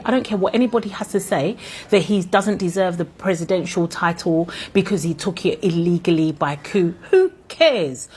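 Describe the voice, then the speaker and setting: A woman's voice: mid-range voice, a little mellow, a little hiss or hum, low-quality recording. A Ghanaian woman vlogging fiery, indignant commentary, firing off rhetorical questions. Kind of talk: impassioned commentary to camera.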